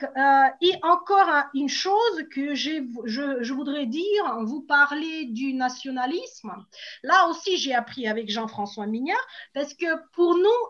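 High-voiced Russian woman speaking slowly. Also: a bit bright. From Moscow, Russia. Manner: hesitant, emphatic, repeats key points. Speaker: ordinary citizen giving testimony in a panel discussion. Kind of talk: spontaneous explanatory discussion. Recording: dull lo-fi sound.

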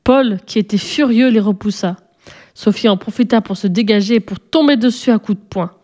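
Mellow woman reading a children's story. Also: mid-range voice, a little fast. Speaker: narrator.

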